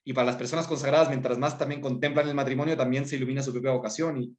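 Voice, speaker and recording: A man's voice: mid-range voice, steady tone, very fast, a little mellow. A man, a guest on a podcast, explaining things in a thoughtful way with frequent filler tags and self-corrections. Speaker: guest speaker on vocations. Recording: roomy echo.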